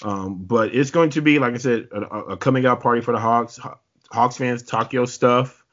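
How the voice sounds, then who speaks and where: A man's voice: mid-range voice, steady tone, moderate pace, fairly bright tone. A man hosting a casual sports podcast, talking in a laid-back way with filler words and self-deprecating asides. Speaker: podcast host. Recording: slightly dull lo-fi audio.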